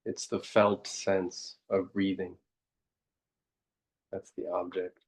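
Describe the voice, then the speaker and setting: A man teaching a guided meditation speaks in a low, monotone voice. He is reflective, using short, unhurried phrases and asking gentle questions.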